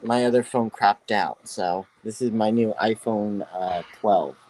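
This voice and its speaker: A man's voice: fairly low pitch, unhurried, a little mellow. A man talking casually through a phone on a video call, with the connection breaking up and his voice coming through distant and thin. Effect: heard remotely over a phone video call. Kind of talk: casual chat.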